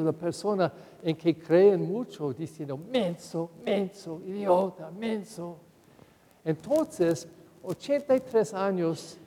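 An older man, a parish priest, giving a Sunday homily with unhurried storytelling and anecdotes. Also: high voice, warm tone, in a large hall.

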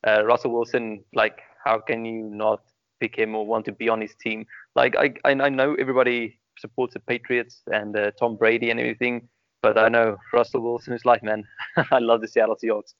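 A man's voice: medium pitch, flat delivery, a little fast, clean tone, dry recording. A young man from South Africa with a South African accent, a guest in a casual interview, earnest and repetitive with many ums. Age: young adult. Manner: earnest, repeats words, many ums and extremely. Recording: dry, dull lo-fi sound.

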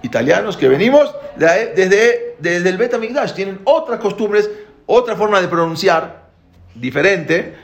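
A man's voice: high-pitched, expressive, unhurried, vocal fry. Man teaching in an echoey room. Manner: explains with many restarts and rhetorical questions. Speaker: rabbi teaching a class. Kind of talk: spoken Torah lesson.

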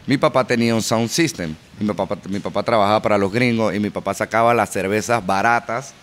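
A man's voice: lowish voice, fairly quick, a bit bright. A man from Panama with a Panamanian accent, a guest DJ telling stories animatedly in a casual interview and mixing in English words. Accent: Panamanian Spanish.

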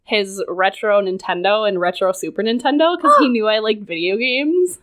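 On a laid-back podcast, a native English-speaking woman with a mid-range, fairly bright voice tells a story from her own life at normal speed. Her talk is chatty, peppered with "like," and punctuated by frequent laughs.

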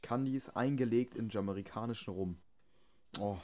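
A man's voice: fairly low pitch, background noise. A man, joking around in crude, slangy casual banter as a podcast co-host. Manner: slangy, joking, drawn-out delivery.

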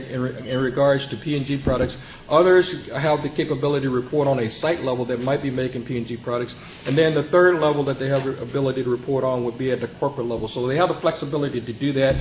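Halting man presenting in a roomy hall. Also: medium pitch, slight background noise. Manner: halting, repeats words while searching for phrasing. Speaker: conference panelist. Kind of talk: conference presentation. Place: conference hall.

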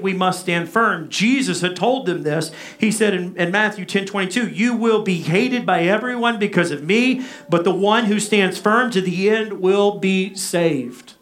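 A man's voice: sits high, measured pace, a bit bright. A man delivers a sermon. He speaks as a pastor, pressing his points with repetition and rhetorical questions. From Arkansas, United States.

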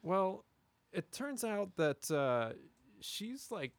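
A man's voice: sits high, sing-song, very slow, dry recording, heavily acted. A man improvising a hesitant auditor who talks with many ums and restarts, in a dry recording. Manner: hesitant, filler-heavy. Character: hesitant male internal auditor. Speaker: improv performer.

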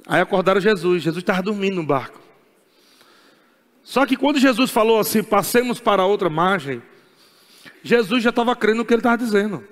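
A Brazilian man preaching a sermon in a high voice, driving his points home by repeating them, with laughs breaking in. His words echo with the long reverb of a church hall. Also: quick pace. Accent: Brazilian Portuguese. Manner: emphatic and repetitive, laughing as he preaches. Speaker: pastor.

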